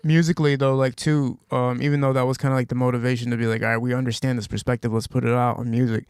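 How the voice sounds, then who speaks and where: A man's voice: mid-range voice, flat delivery, fast, a little mellow, clean tone, no room sound, studio quality. A man hosting a podcast, asking long, winding questions in a casual way. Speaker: podcast host. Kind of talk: casual interview.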